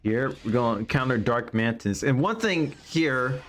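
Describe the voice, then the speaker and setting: A man's voice: mid-range voice, expressive, moderate pace, a bit bright. A man giving casual live gameplay commentary as a streamer, explaining as he plays. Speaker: game streamer. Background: game music.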